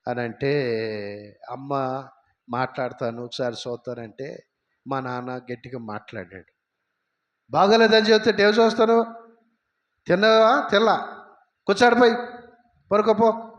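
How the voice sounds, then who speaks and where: In a church, a pastor with a fairly high male voice preaches a sermon that includes personal testimony, speaking emphatically and firing rhetorical questions at the congregation. The sound quality is lo-fi.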